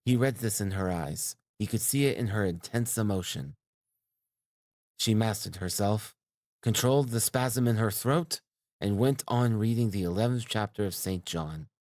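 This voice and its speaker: A man reading a novel aloud as an audiobook narrator, in a measured, even delivery. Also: on the low side, no echo, studio quality.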